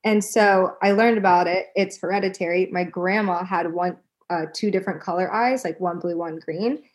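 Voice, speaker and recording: A young woman talking as a guest on a podcast, chatty and animated, laughing often. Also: on the low side, normal speed. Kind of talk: casual chat.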